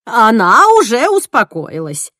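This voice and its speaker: A frantic woman begs and soothes in a high, strained voice, put on by a female audiobook narrator. She is loud, breathless, and pleading, like a storybook character on the edge of panic. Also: wildly swooping pitch, measured pace, no echo, studio quality, heavily acted. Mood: coaxing. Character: frantic woman soothing her monstrous sister.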